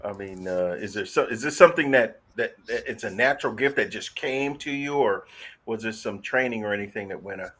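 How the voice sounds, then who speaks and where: A man's voice: fairly low pitch, a little fast, a bit bright. A man co-hosting a casual online talk show, jokey and teasing, cracking wisecracks. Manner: jokey, teasing, mock announcer voice. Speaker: co-host.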